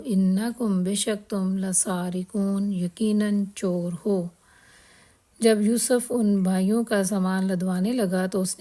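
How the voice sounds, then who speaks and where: A woman gives a scripture translation lesson in a warm, mellow voice. She recites each word and follows it with its translation, keeping a measured, unhurried rhythm at a middling pitch. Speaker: Quran translation teacher.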